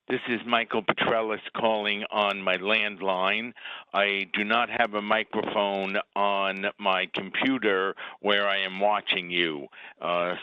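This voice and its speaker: A man's voice: on the low side, clean tone, no room sound. Man over a landline phone. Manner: brief, direct, measured statement. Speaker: public commenter calling in. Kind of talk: formal public comment at a committee hearing. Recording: dull, lo-fi phone line.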